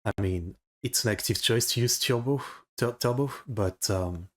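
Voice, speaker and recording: A man with a French accent, whose first language is French, giving casual reaction commentary in a halting way with many fillers and restarts. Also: on the low side. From France. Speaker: video reactor.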